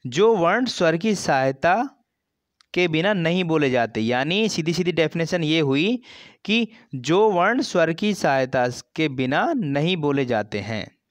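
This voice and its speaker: A man teaching a grammar lesson for an exam, explaining slowly, repeating terms and stretching sounds as examples. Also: a little high, sing-song, no echo. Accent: Hindi.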